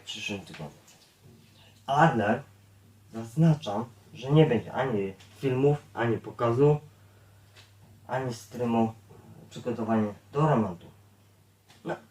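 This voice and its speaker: A man's voice: mid-range voice, a little mellow, slight background noise. Guy ranting at his viewers, swears a lot, keeps repeating himself, sounds far off from the mic in an echoey room. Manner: blunt, profane, repetitive; addresses viewers constantly. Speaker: YouTube streamer.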